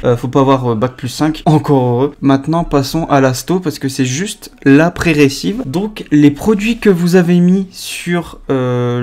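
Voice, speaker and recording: A man's voice: a little high, a little mellow. A young man, talking in an improvised casual vlog with many fillers. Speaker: vlogger. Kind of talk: unscripted casual vlog talk.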